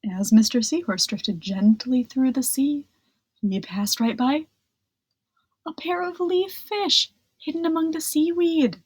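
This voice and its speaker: A woman reading a children's picture book aloud, gentle and expressive, drawing out words for suspense. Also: high-pitched, measured pace, no echo, poor audio. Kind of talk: expressive read-aloud storybook narration.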